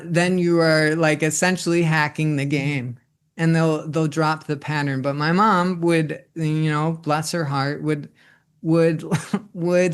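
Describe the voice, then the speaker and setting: Twenty-something guy rambling thru a personal story, lots of restarts, kinda high smooth voice. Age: 20s. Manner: rambling, many restarts and "like" fillers. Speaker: host. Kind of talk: reflective personal monologue.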